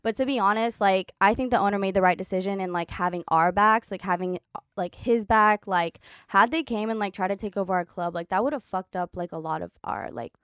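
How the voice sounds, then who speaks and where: A woman's voice: medium pitch, brisk, clean tone, no echo, clean studio sound. Profane, chatty woman telling a story. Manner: profane, animated, heavy use of "like". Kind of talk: casual storytelling chat.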